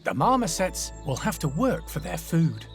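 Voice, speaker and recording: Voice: mid-range voice, sing-song, normal speed, faint music behind. A documentary narrator reading scripted nature documentary narration about animals.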